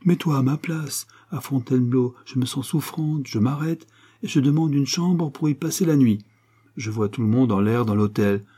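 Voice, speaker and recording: A man's voice: medium pitch, moderate pace, dark tone, breathy edge, natural voice. A man reading aloud, voicing an earnest young woman who tells a story at length and is easily flustered.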